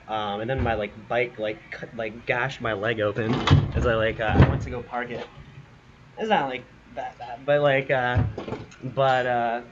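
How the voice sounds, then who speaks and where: A hungover man co-hosting a casual podcast, swearing and rambling in a halting way. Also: medium pitch. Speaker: podcast co-host. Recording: dull lo-fi sound with clear background noise.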